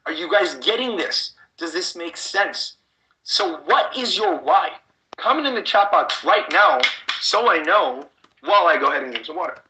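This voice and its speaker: A man from the Chicago suburbs giving an online sales webinar pitch, pushy and constantly asking the audience if they are following. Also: big pitch swings, moderate pace, vocal fry, bright, forceful tone, a little hiss or hum, low-quality recording. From United States, Chicago suburbs. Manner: pushy, repeats rhetorical check-in questions. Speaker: online business trainer.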